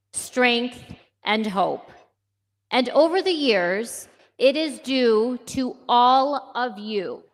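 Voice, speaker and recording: Slow, earnest woman speaking in a reverberant hall. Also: a little high, a bit bright. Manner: earnest, measured, thanking and listing names. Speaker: charity leader giving a welcome speech. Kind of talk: formal gala speech. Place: large gala ballroom.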